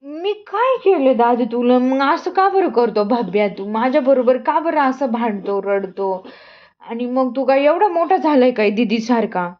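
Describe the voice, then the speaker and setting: A high-pitched woman in a casual family vlog, speaking to her child in a soft, coaxing way and asking question after question. The sound is dull and lo-fi, like phone audio. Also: expressive, moderate pace. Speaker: mother filming her child for viewers.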